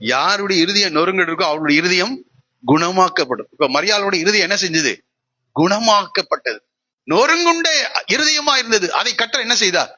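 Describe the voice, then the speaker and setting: A man preaches to his congregation in a high, bright, sharp voice that rises and falls widely. He keeps asking them questions and then answers them himself. The sound is dull and lo-fi. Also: animated, fairly quick. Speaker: pastor. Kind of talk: sermon.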